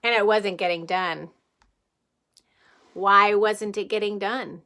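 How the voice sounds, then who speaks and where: A kindergarten teacher reads a picture book aloud to young kids, her medium-pitched voice moving slowly. She chuckles a lot as she tells the story with feeling, pausing to ask questions and give simple explanations of words.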